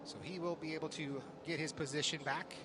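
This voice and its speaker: A man's voice: a little high, fairly even intonation, brisk. A man commentating live on a sprint car race, calling it in short, clipped announcer phrases. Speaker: motorsport commentator. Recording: very loud engine and vehicle noise. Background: race cars at a speedway.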